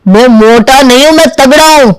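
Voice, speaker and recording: A stubborn chubby young dude in a cartoon, high voice, whiny, dry sound. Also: male voice, normal speed, clean tone, no room sound, rough recording. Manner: whiny, argumentative. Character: stubborn chubby young man seeking bride. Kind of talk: Hindi cartoon dubbing.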